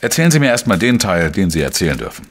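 The lead actor and first-person narrator of a German crime audio drama plays a dogged, wry male journalist-sleuth, handling both narration and dialogue. His very deep voice moves in a fast, sing-song way while the mood stays calm and probing.

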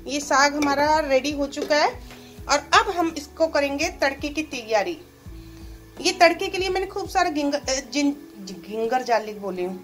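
A cooking vlogger chats casually at home, walking through a recipe step by step. Her voice is high with a fairly bright tone, and music plays behind her.

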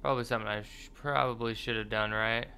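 A man's voice: lowish voice, steady tone, fast talker, vocal fry, pushed and bright, slight background noise. A man doing casual horror game commentary, muttering asides to himself and to the game and swearing now and then.

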